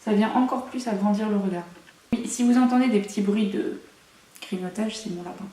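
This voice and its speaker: A woman's voice: medium pitch, fairly quick, mellow, distant mic, a little hiss or hum. A young woman chatting through a makeup tutorial at home, with playful, self-mocking asides. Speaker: beauty vlogger. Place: room at home. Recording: echoey room, mic set away.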